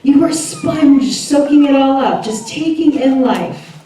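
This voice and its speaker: A woman minister giving a chatty, lively sermon and laughing often as she talks with the congregation. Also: high-pitched, measured pace. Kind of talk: sermon with audience interaction. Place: church hall. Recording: echoey hall, voice from far off.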